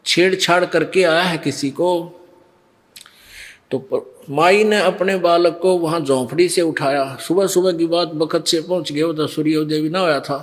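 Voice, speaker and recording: A man preaching a devotional sermon, telling a story and acting out what the figures say. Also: a little high. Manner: slow storytelling that acts out the figures' lines.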